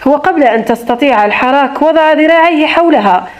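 Female audiobook narrator, high voice, dramatic novel reading. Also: animated, fast talker, lo-fi sound.

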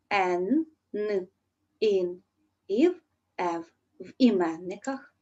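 Slow, husky Ukrainian woman teacher. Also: a little high, dark tone. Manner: slow, careful dictation of words and suffixes. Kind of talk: remote school lesson. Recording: dull, lo-fi recording.

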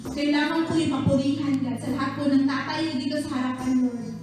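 A woman's voice: high-pitched, fairly even intonation, fast. Woman praying over music in an echoey hall. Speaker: worship leader. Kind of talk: spoken prayer. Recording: very echoey hall, far from the mic.

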